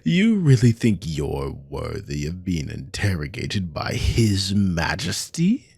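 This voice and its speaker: Lord Voss, gravelly cruel naga commander. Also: male voice, deep voice, wildly swooping pitch, takes it slowly, darkish tone, no echo, exaggerated voice. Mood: haughty, contemptuous. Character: cruel, haughty male naga army commander, menacing serpent lord. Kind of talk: scripted ASMR role-play monologue to a captive listener.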